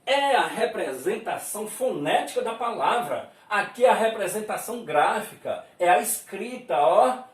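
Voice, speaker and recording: A Brazilian man teaching a lesson at a board, explaining slowly, drawing out sounds and chuckling often. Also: sits high, lively intonation. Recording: roomy and distant from the mic.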